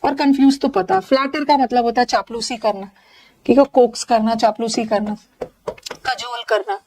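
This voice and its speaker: A fairly high-voiced woman with an Indian accent runs a live online vocabulary class. She explains each word with playful memory tricks and quick asides to her students. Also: a little mellow. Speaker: English vocabulary teacher.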